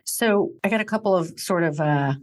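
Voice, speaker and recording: A woman's voice: fairly low pitch, normal speed. A woman hosting an interview, asking curious questions and answering with short, encouraging replies. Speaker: podcast host. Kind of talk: casual interview chat.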